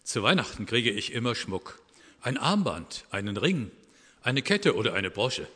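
Croaky greedy magpie lady as a preacher reads her, bright voice, hall echo. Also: on the low side, very animated, measured pace, full character voice. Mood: eager. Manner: croaking, eager.

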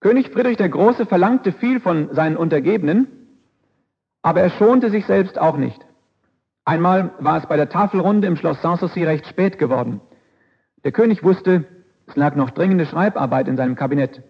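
A male preacher delivers a sermon with emphatic rhetorical questions and repeated refrains. His voice is somewhat high and husky. The recording sounds dull and lo-fi. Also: normal speed.

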